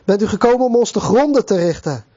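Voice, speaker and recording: Unclean spirit in a possessed man, hostile and accusing, put on by a male preacher, high and husky, dull lo-fi sound. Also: expressive, fast talker, dark tone, no echo. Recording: dull lo-fi recording.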